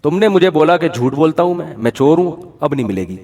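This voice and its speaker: A man's voice: on the high side, lively intonation, mellow. A man voicing a proud, poor vegetable seller who refuses bluntly and stubbornly. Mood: stubborn, offended. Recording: long hall reverb.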